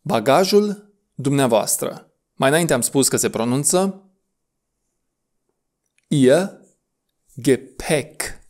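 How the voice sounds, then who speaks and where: Male teacher, slow drilled repetitions, mid-pitched. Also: animated, a little mellow. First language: Romanian. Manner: slow, deliberate repetition of words. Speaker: language teacher. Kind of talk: pronunciation lesson.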